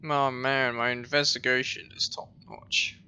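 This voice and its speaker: Guy doing offhand lets play commentary, gravelly and sharp, cracks jokes. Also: medium pitch, level tone, a little slow, a little hiss or hum. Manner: joking, offhand asides. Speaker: let's player. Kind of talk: casual gameplay commentary.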